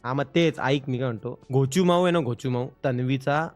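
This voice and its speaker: A man's voice: mid-range voice, fairly quick. A man hosting a live stream in casual, bossy, joking banter, throwing in English words. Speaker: gaming streamer.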